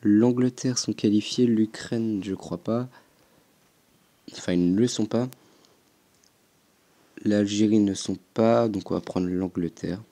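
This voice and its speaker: A young man giving casual, hesitant commentary as he plays a football game, thinking aloud with frequent pauses and fillers. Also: lowish voice, steady tone, dark tone. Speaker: gaming YouTuber.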